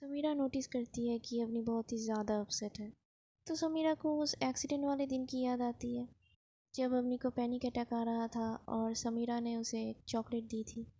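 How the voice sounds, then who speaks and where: A woman telling a romance story in a chatty, casual way, slipping English words into her sentences. Her voice is soft and mellow and sits a little high. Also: fairly even intonation, moderate pace.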